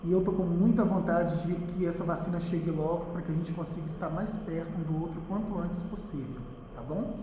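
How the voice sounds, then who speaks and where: A Brazilian man teaching a recorded school lesson in front of a whiteboard, patiently repeating key words slowly and checking in with "tá?". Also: on the high side, dark tone, slight background noise. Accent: Brazilian Portuguese. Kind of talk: recorded online class lesson. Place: classroom with a whiteboard. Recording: echoey room with long reverb.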